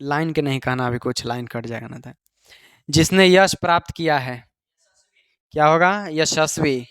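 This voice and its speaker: A man's voice: on the high side, normal speed, a bit bright, clean tone, no room sound, clean studio sound. A man with a Bihari Hindi accent teaching a class in a casual, chatty way, often quizzing his students. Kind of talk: classroom lecture.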